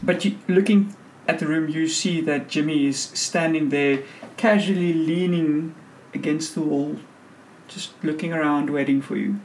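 Game master telling the scene for a tabletop game, medium pitch, chatty, little bit of noise. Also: fairly even intonation, a little slow, a little mellow, rough recording. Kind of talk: improvised tabletop game narration.

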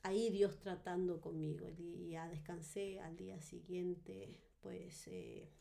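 A woman's voice: lowish voice, expressive, takes it slowly, gravelly, mellow. A woman giving a personal testimony in conversation, hesitant and full of fillers and tag questions.

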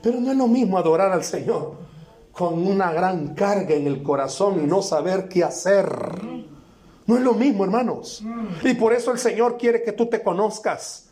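A man preaching a sermon as a guest preacher at a church service, impassioned and repetitive, rising to shouts. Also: high voice, normal speed, echoey room.

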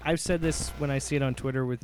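A man's voice: mid-range voice, fairly even intonation, fast talker, a little mellow. A man co-hosting a podcast, arguing with emphatic profanity and stumbling restarts. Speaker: podcast co-host. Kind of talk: heated casual chat.

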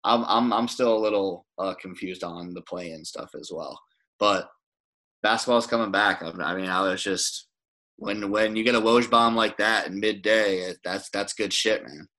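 A man's voice: lowish voice, steady tone, moderate pace, pushed and bright. A man co-hosting a casual sports podcast, rambling with restarts and swearing. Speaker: podcast co-host.

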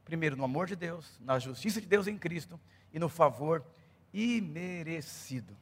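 A middle-aged man preaching a sermon as pastor, moving from calm storytelling to loud, fervent preaching. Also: on the high side, moderate pace, husky. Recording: echoey hall reverb.

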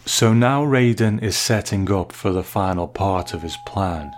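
A man hosting a review, giving semi-scripted commentary in a measured, conversational, reflective way. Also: low voice, slight background noise. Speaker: host of a TV episode review.

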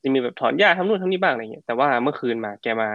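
A man's voice: fairly high pitch, very fast, dry recording, muffled recording. A middle-aged man co-hosting a casual podcast, chatty and slangy as he tells stories. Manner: chatty storyteller, slangy and animated. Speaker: podcast co-host.

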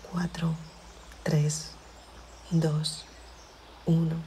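A woman narrating a guided sleep meditation in a soothing, measured way, in short phrases with long pauses. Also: low-pitched, level tone, dark tone, a little hiss or hum. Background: music behind the voice.

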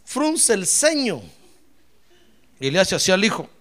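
A male pastor preaching a sermon, fervent, swinging from loud exclamations to quiet asides and often addressing his listeners directly. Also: high-pitched, very animated, unhurried. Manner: repeatedly addresses listeners as "hermano".

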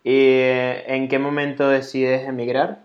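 A man hosting a casual interview podcast, relaxed and friendly, with frequent "eh" and "ok". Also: mid-range voice, measured pace, highs cut off. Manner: relaxed, friendly, uses filler "eh" and "ok". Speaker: podcast host. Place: Barcelona.

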